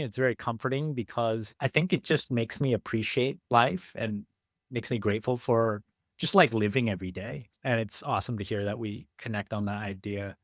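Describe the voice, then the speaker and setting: Man, American, podcast host, reflective casual chat, medium pitch, dry close mic. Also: no echo. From United States. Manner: relaxed, reflective, chatty with many "like"s.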